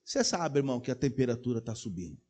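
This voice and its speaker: A man preaching a sermon as pastor, telling stories and acting out dialogue, swinging from quiet asides to loud exclaimed peaks. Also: mid-range voice, sing-song, fast. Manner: acts out dialogue in quoted voices. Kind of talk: sermon with storytelling.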